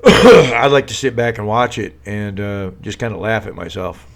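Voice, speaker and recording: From a room at home with a green screen, a man hosts a casual live stream about politics, sarcastic and rambling, with lots of fillers and restarts. His voice is lowish and creaky, at a normal speed.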